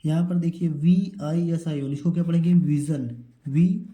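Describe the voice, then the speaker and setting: Man slowly spelling out English words. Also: a little high, steady tone, dark tone, echoey room, low-quality recording. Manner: slow, drawn-out spelling of words letter by letter; asks a question, then answers it himself. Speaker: English teacher. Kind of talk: spoken English pronunciation lesson.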